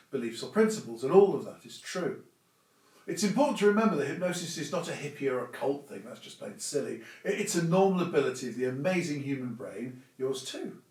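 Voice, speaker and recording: A man with a fairly high voice talks informally and instructively, like a presenter giving practical advice. His delivery is conversational but emphatic. The recording is echoey, with the microphone some way off. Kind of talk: informal explanatory talk to camera or audience. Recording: echoey room, distant microphone.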